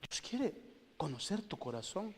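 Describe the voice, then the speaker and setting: A man preaching from the pulpit, his somewhat high voice ringing out with a long reverb from the church hall. He talks to the congregation in a lively, conversational way, asking questions, then swings from loud exclamations to hushed asides. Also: measured pace, a little hiss or hum. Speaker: pastor. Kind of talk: sermon.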